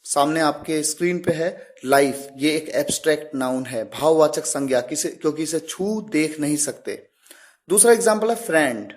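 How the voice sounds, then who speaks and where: A man teaching English grammar. He explains slowly and deliberately, stops on each example word and keeps asking the listener questions. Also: fairly high pitch. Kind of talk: classroom explanation.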